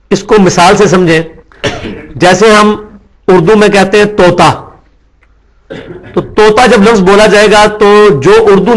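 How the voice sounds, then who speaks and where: A man giving a classroom lecture as a religious teacher, explaining patiently and often checking in with his listeners. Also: high-pitched. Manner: mixes English words into his speech.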